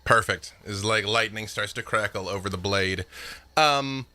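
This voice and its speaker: Bright, forceful male game master. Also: fairly low pitch, a little slow, a little hiss or hum. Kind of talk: casual tabletop game narration.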